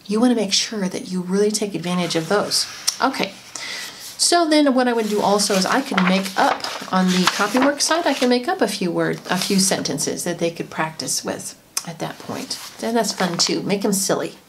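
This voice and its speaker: A woman, a homeschooling mother, gently and chattily explaining a lesson in an instructional tutorial. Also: medium pitch, animated, moderate pace. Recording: noisy home recording.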